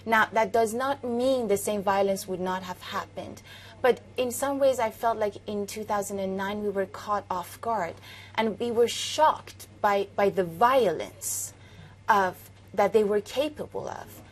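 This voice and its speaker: A woman in her thirties, originally from Iran and a native Farsi speaker, is an author being interviewed as a guest on a broadcast. She answers thoughtfully and in a measured way, using hesitant fillers, and her voice sits at a medium pitch.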